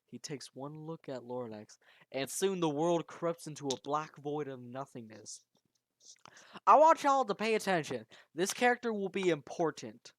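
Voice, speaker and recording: Dry, animated amateur storyteller. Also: medium pitch, no room sound. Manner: animated, dramatic narration with frequent restarts. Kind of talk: casual retelling of a fan-made horror story.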